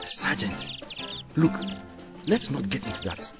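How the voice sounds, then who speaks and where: A man acting as a broke war veteran in a period drama who is dodging his landlord. He speaks with a Ghanaian English accent, and his pitch swings widely as he hesitates and pleads. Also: big pitch swings, measured pace, creaky, over loud music. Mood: pleading.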